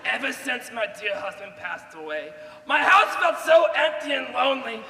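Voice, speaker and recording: An actress playing a very old, doting, forward widowed grandma in a stage musical. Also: female voice, on the high side, normal speed, vocal fry, bright, forceful tone. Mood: wistful. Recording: echoey hall, distant, noisy stage recording.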